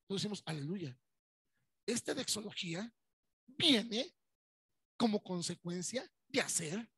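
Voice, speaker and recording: A Mexican-accented pastor gives his Sunday sermon in a conversational tone. His husky voice sits high for a man, and the recording is close and dry, free of echo.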